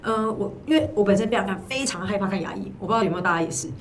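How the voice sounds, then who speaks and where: Woman podcast co-host with Taiwanese Mandarin accent, very fast and animated, casual chat. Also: medium pitch, distant mic, slight background noise. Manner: animated storyteller, quick and chatty.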